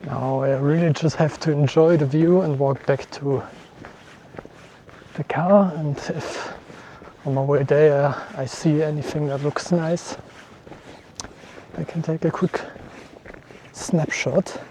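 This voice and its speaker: A male photography vlogger hikes a mountain trail outdoors, narrating casually into a small action camera while out of breath, thinking aloud and laughing softly. His voice is on the high side, mellow and steady, slow with frequent pauses, against slight background noise.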